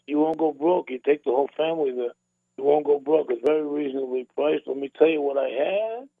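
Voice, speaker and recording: A radio host from the Boston area with a very gravelly, somewhat high voice. He chats casually and rambles, doubling back on words. The sound is dry and narrow, like a phone line. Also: fairly quick, no echo. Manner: rambling, repeats words and restarts.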